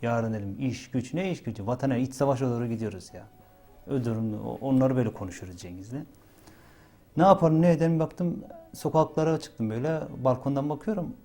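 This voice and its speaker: A young man with a mellow, dark voice tells his story for a documentary, quoting what he said again and again with small repeated fillers. His pitch sits in the middle of the male range, and soft music plays faintly underneath. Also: fast talker. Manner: retells events with many repeated "dedim" and "böyle" fillers. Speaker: witness interviewed for a documentary. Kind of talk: emotional first-person recollection.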